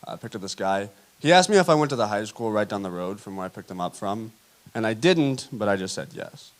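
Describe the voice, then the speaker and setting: A young man performing a self-deprecating stand-up set on a theater stage, telling stories in a deadpan way. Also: on the low side, a little fast. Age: young adult. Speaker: stand-up comedian. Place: theater stage before a live audience. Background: audience laughter.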